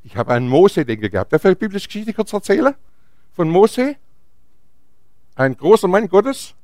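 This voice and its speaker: A man's voice: high-pitched, very animated, normal speed, a little mellow, no room sound, studio quality. A man preaching a sermon, telling a Bible story in a chatty way and asking his listeners questions. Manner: chatty, asks the audience questions.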